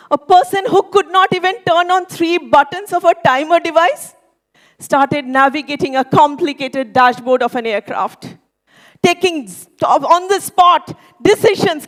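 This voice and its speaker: A woman delivering a rehearsed motivational contest speech, with a theatrical, memorized delivery and deliberate pauses. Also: very high voice. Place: school hall speech contest stage.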